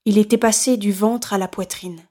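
Woman, audiobook narrator, steady measured reading, mid-range voice. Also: medium pitch. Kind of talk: scripted narration.

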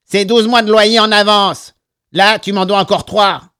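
A man's voice: high-pitched, steady tone, a little slow, sharp tone, no echo, clean studio sound, pitched above the performer's own voice. A man voicing a nasal, servile male bar owner with a fixed smile. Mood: wheedling.

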